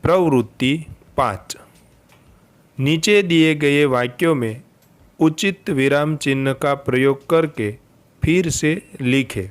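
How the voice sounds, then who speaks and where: A man's voice: fairly high pitch, takes it slowly. A male teacher going through a revision lesson, patiently reading each item and then repeating the answer.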